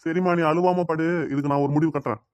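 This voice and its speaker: A man voicing a protective middle-aged cartoon father in Tirunelveli Tamil, gentle with his daughter and scolding with his wife. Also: a little high, fairly even intonation, fast talker, dry recording, natural voice. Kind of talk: cartoon dialogue.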